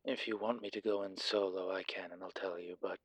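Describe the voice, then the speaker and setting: A male actor voices a suave, wry incubus demon for an intimate audio roleplay, teasing in a polished, deliberate way. His low voice is husky and breathy yet a bit bright, with fairly even intonation. The recording has no room sound, and the mood is wry and hushed.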